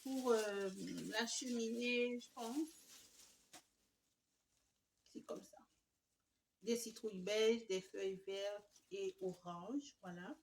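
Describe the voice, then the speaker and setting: A woman, gushing excitedly through a casual home decor haul with many fillers. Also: mid-range voice, takes it slowly, pauses often, a little hiss or hum. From Canada. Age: 20s. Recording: echoey room, mic at a distance.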